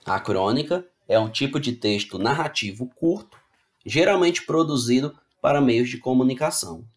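Going through a slide lesson in an online class, a male teacher at a middle pitch reads every point aloud and then recasts it in everyday language. He speaks expressively at a normal speed, checking in casually with "né?" and "tá bom?" to see if the students are following along.

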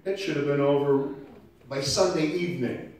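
A male pastor with a head cold, preaching conversationally and swinging between loud emphasis and quiet, low passages. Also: fairly even intonation, normal speed, slight background noise. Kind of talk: sermon. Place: church sanctuary. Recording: echoey church from far off.

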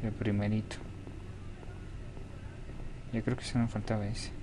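Gamer, young Mexican man, flat-toned nervous horror commentary, noisy home recording. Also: fairly low pitch, measured pace. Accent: Mexican Spanish. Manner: jittery, begging, talks to himself. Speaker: gaming YouTuber.

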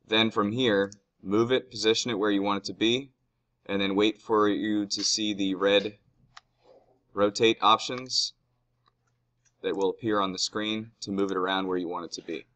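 A man teaching, calmly walking students step by step through a screen-recorded software tutorial at his computer. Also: fairly low pitch, normal speed. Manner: calm step-by-step explaining.

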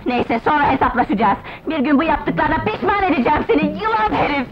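A fierce young woman protecting her sister, played by an actress, with a high, ringing voice that throws insults without pause. The sound is a dull, old film soundtrack with a loud orchestral score underneath. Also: loud music behind the voice, close to an everyday voice. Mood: furious. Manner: accusing, shouting insults. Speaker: film character. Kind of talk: dubbed 1970s film acting.

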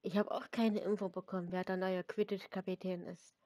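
A concerned teenage boy, as a woman reading a story puts him on asks plain questions. The voice stays at the reader's plain mid pitch. It is recorded close and dry. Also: little pitch movement, fairly quick, dark tone, no echo, close to an everyday voice.

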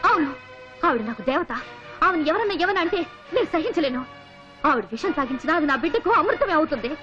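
A woman's voice: very high voice, lively intonation, fast talker, pushed and bright, heavily acted. An actress playing a loyal young mother in a melodramatic film, who speaks in a defiant, pleading, emotional way. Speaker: young wife and mother in a family drama. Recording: dull lo-fi film audio with music.

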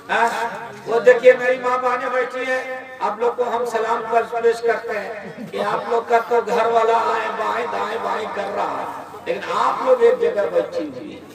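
A man preaches in a very high voice, joking with his listeners and urging them to call back. His voice booms through a heavily echoing public address system, heard from a distance. A crowd murmurs behind him. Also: gravelly. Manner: jokes with the crowd and calls for responses. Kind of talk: sermon with a told joke. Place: outdoor evening religious gathering. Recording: echoey PA sound from far off with crowd.

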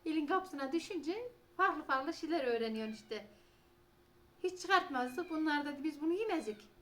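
A woman's voice: high voice, expressive, moderate pace, fairly bright tone. A woman, chatting casually and rambling in a home vlog, sometimes talking to her cats. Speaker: vlogger.

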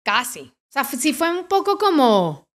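A woman, a guest in a casual interview, talking candidly and bluntly with a sarcastic edge and drawn-out words. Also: high-pitched, very animated. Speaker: guest, adult performer and comedian.

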